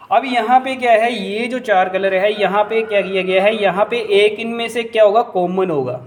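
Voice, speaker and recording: A man's voice: high voice, echoey room. A man with a Hindi accent showing a repair step by step, asking himself questions and answering them as he works. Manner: talks while working, rhetorical questions, repeats "ठीक है". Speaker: electrical repair instructor. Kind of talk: hands-on repair tutorial.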